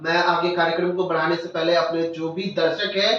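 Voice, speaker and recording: A man's voice: a little high, little pitch movement, brisk, a bit bright. A man hosting a local news interview, speaking in an encouraging, formal presenter tone. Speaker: interview host. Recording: echoey, distant, dull room sound.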